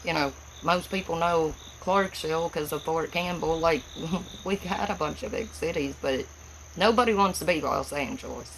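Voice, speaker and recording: A woman from Tennessee with a gravelly voice and an Appalachian accent, chatting casually and plainly on a livestream in a folksy, rambling way. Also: low-pitched, moderate pace, a little hiss or hum, low-quality recording. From Tennessee, United States. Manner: folksy, plain-spoken, rural speech. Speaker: livestream host.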